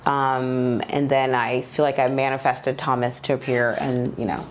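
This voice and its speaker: Low-voiced reflective woman in her forties. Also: flat delivery, moderate pace, a little hiss or hum. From Nigeria. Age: 40s. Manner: reflective, open, loose with many "like"s. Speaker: podcast guest. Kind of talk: candid personal conversation. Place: her home.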